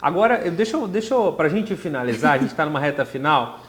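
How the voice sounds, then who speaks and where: A man's voice: a little high, big pitch swings, quick pace. Man hosting a podcast. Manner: engaged, addresses listeners directly. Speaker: podcast host. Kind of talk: podcast discussion.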